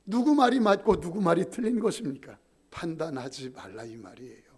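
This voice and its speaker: A man's voice: fairly high pitch, fairly quick, crowd noise. A middle-aged male pastor giving a sermon in a church, telling stories and acting out the voices of the people in them. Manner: animated storytelling, acting out quoted voices. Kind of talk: sermon with acted-out anecdotes. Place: church sanctuary.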